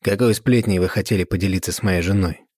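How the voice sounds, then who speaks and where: A man's voice: deep voice, steady tone, fast talker, a little mellow, slightly rough, no room sound, clean studio sound. A man voicing a cold, contemptuous count who speaks in a cutting way. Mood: cold contempt.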